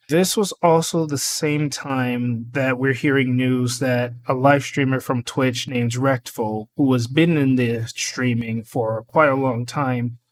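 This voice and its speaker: A man giving a casual, rambling commentary monologue about online drama, voicing his irritation. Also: medium pitch. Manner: rambling, opinionated. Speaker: commentary YouTuber.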